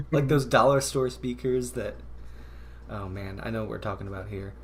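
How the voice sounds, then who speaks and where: A man's voice: mid-range voice, level tone, a little slow, slight background noise. A man co-hosting a casual comedy podcast, rambling and laughing often, sometimes dropping to a mumble. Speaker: podcast co-host.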